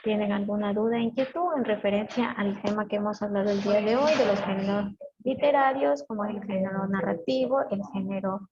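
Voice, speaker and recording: A woman's voice: mid-range voice, fairly quick. A woman teacher leading a live class, addressing her students formally and politely. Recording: dull muffled sound with crowd noise.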